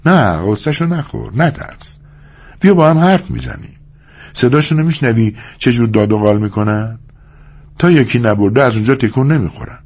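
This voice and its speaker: A lonely, restless young woman in a storybook reading, voiced by a man lifting his voice, pleading and bitter by turns. Her voice climbs high above his own, with a husky edge. The sound is slightly dull and lo-fi. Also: a little mellow. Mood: soothing. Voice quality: higher, pleading voice.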